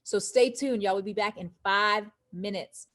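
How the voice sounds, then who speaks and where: A woman's voice: mid-range voice, normal speed, fairly bright tone. A woman hosting a live-stream interview over a video call, upbeat and speaking straight to her viewers. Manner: upbeat, addresses viewers directly. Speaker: host.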